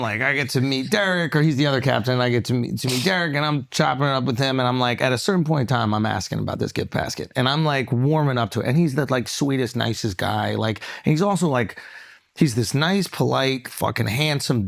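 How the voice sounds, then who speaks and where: A man's voice: mid-range voice, a little fast, gravelly. A man in his thirties, hosting a podcast and telling a long story in casual chat, acting out quotes and leaning on fillers. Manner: animated, acts out quotes with lots of fillers. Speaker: podcast host.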